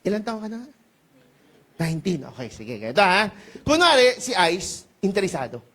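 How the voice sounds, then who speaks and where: A man with a high, bouncy voice presents a business seminar to a live audience in an event room. His pitch swoops up and down as he jokes and teases the crowd. He keeps throwing questions out and pushing for answers. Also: sing-song, normal speed, a bit bright. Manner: playful and teasing, calls out to the audience for answers.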